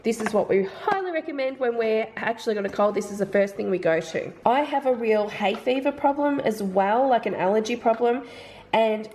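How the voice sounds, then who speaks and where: An Australian mum vlogger in her thirties chats casually through a product haul at home, a bit nasal from hay fever and thinking aloud about prices. Her voice is on the high side, animated and a little mellow, at a normal speed.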